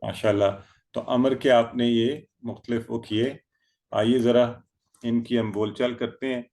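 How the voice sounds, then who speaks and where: A male teacher runs an online grammar class, repeating each verb form in turn and asking students to say it back. His voice sits at an ordinary middle pitch, and he calls on learners one by one as he works through the drill on a video call. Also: fairly even intonation, a little mellow. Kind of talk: online Arabic grammar lesson.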